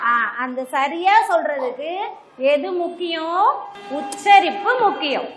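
A woman's voice: very high-pitched, slow pace, soft background music. A woman teaching a classroom lesson to young children with a Tamil Nadu accent, coaxing them along with constant questions. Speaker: primary school teacher. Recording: echoey classroom, faint noise.

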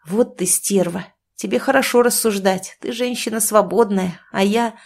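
A woman's voice: medium pitch, moderate pace, gravelly, a little mellow. Woman doing a flustered cheating husband. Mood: exasperated. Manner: exasperated, sometimes hissing.

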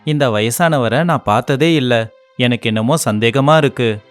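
A man voicing Hanuman in an animated story, earnest and suspicious of a stranger. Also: mid-range voice, measured pace, soft background music, close to an everyday voice. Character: loyal, wary monkey god devotee.

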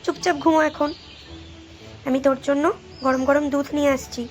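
A woman's voice: high voice, little pitch movement, moderate pace, faint music behind, natural voice. A woman voicing a scolding but caring mother in a cartoon, nagging her daughter. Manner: nagging, scolding, then soothing. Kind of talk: Bengali cartoon voice acting.

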